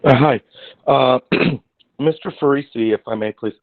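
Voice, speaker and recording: A man's voice: medium pitch, measured pace. A man at a meeting asking a question from a remote video call, his audio glitching and breaking up as he speaks hesitantly. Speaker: board member. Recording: tinny phone-like call line.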